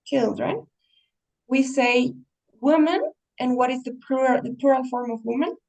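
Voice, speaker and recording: High, gravelly-voiced woman teacher. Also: slow, a little mellow, recorded from a distance, poor audio. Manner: patient, checks in with "¿no?". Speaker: English teacher. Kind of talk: online writing lesson, explaining.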